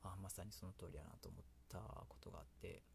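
Man, Kansai accent, solo radio host, low voice, rambling, laughs at himself, faint background hiss. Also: little pitch movement, fast talker, gravelly. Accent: Kansai Japanese. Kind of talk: casual solo radio talk.

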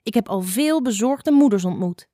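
A woman voicing a blind, sharp-tongued old female fox who scolds impatiently. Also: a little high, expressive, normal speed, no room sound, clean studio sound, natural voice. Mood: stern.

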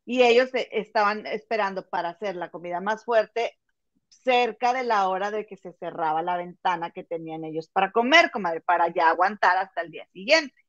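A woman's voice: mid-range voice, expressive, moderate pace, no room sound. A woman retells gossip in a chatty, storytelling way, calling her friend comadre. The sound is dry and close, with a slightly muffled, dull tone. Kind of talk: casual gossip chat.

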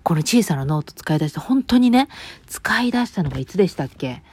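A woman's voice: lowish voice, big pitch swings, fast talker, darkish tone, husky. A woman with a Kansai accent rambling in a casual solo monologue, chatty and joking, with lots of fillers and asides. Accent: Kansai Japanese.

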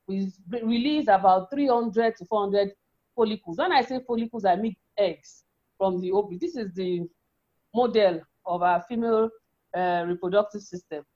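The recording is slightly dull and lo-fi. A woman with a feminine voice of medium pitch is teaching in an explanatory style. She often restates and rephrases what she has just said, like an educator walking listeners through material. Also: moderate pace, warm tone. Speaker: women's health educator. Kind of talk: explanatory health talk with a visual model. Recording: dull, lo-fi sound.

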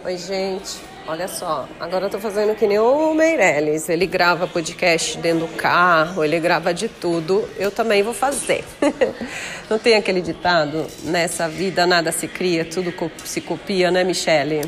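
A woman's voice: fairly low pitch, normal speed. A woman with a Brazilian accent hosting a casual gossip podcast, talking in a slangy, teasing way and laughing easily. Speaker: podcast host.

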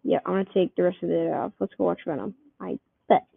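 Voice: medium pitch, fast talker, creaky, husky, no room sound. A person reading a homemade comic story aloud, keeping the characters' voices close to their own. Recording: tinny phone-like dry recording.

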